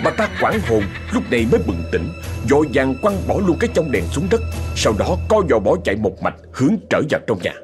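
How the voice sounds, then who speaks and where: A man's voice: medium pitch, brisk, over music. A man narrating a ghost story dramatically. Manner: dramatic, expressive.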